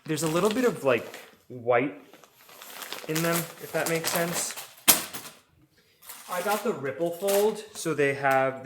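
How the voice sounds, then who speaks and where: A man's voice: mid-range voice, a bit bright. A man vlogging about his home makeover, explaining things in a casual, chatty way with informal asides to viewers.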